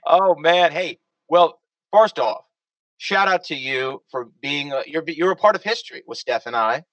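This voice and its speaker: A man's voice: fairly high pitch, expressive, moderate pace, fairly bright tone, dry recording, distant mic, dull audio. Chatty male co-host, a bit off-mic. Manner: chatty, upbeat, introduces guests. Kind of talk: casual podcast chat.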